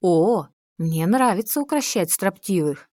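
A woman reading an audiobook, voicing a seductive, cruel female ruler who talks in a soft, rustling, capricious drawl. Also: medium pitch, lively intonation, a little slow, no echo.

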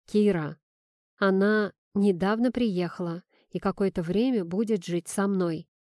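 A woman reading the lines of a rattled man who has just learned he has a daughter, in a slow, guarded voice. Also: medium pitch, darkish tone, dry recording, clean studio sound, lightly acted. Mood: careful. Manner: guarded, reluctant. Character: rattled grown man, a new father.

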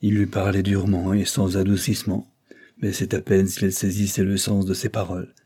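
A man narrating a classic novel as an audiobook in an even, measured way. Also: low voice, breathy edge. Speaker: audiobook reader. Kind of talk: scripted narration.

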